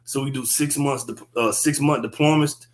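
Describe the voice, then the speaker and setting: A relaxed man in his thirties, chatting as a guest in an easy, slang-filled drawl. He sits indoors and talks into a webcam on a video call. His voice sits at an ordinary middle pitch. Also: normal speed. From Texas. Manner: laid-back and slangy. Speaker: guest comedian. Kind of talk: casual interview chat. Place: indoor room.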